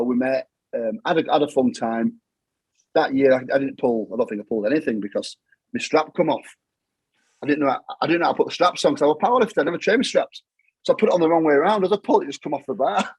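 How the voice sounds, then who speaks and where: A man's voice: medium pitch, darkish tone, husky, dry recording, rough recording. A middle-aged man with a Yorkshire accent, telling his story in plain-spoken, matter-of-fact talk that often repeats itself. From England. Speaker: guest. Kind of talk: casual storytelling.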